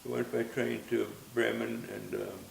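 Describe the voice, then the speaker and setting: A man in his nineties who grew up in Austria reminisces as an interviewee, telling his story gently and haltingly and often circling back over his words. His mid-range voice, heavily gravelly with fry, keeps a fairly even intonation. The room echoes, and a faint hiss runs beneath the recording.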